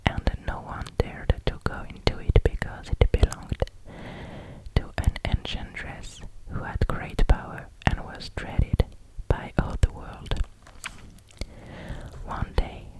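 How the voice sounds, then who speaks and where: A native French speaker with a French accent reading in a hushed, close ASMR whisper, carefully and a little haltingly. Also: poor audio. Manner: careful, halting over difficult English words. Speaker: ASMR reader. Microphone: close microphone.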